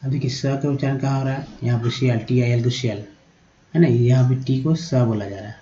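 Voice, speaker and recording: Very dark-voiced man teaching phonics. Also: medium pitch, brisk, a little hiss or hum. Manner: explains letter by letter, repeating sounds and asking "है ना?". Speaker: English teacher. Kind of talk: Hindi-language phonics lesson. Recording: dull lo-fi recording.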